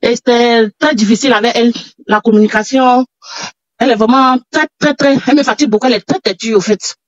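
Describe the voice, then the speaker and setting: A breathless, agitated woman, pouring out her story to a call-in host with a fairly high voice. The audio is dull and dry, like a lo-fi call recording. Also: steady tone, fast, dry recording. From Africa. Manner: agitated, repeats herself. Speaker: caller. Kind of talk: telling a personal story on a call.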